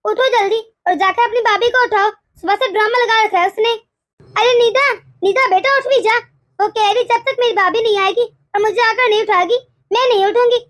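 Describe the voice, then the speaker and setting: A shrill, scolding cartoon mother-in-law, voiced by a woman, quick to take offence and pity herself. Her voice sits very high, and the sound is close and dry with no room around it. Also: fairly bright tone, no room sound. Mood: grumbling. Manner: shrill complaining taunts. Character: scolding middle-aged mother-in-law, short-tempered and self-pitying. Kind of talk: animated cartoon dialogue.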